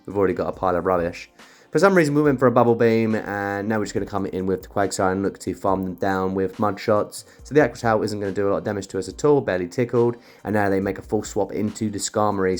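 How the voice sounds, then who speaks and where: A man's voice: lowish voice, darkish tone. A young man commentating on his own gameplay, explaining moves and ranting when the game annoys him. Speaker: gaming commentator.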